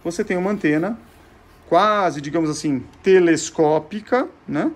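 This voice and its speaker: A man speaking with a Brazilian Portuguese accent presents a vintage gadgets show, giving a casual, instructive demonstration. His voice is a little high and his pace measured. He frequently raises questions and answers them himself.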